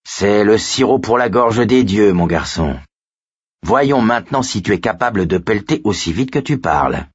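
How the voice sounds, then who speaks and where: Guy reading a gruff old cop, low husky voice, kind underneath. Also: animated, moderate pace, no echo. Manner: gruff, fatherly.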